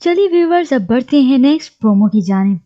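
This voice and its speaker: A woman narrating a recap of a TV drama in a steady storytelling read. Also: sits high, fast, highs cut off.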